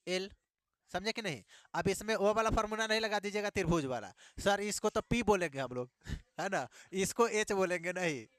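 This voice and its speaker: Male math teacher, high bright voice, quizzes the class by echoing key terms, dry close sound. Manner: repeats key words as questions to students, playful asides.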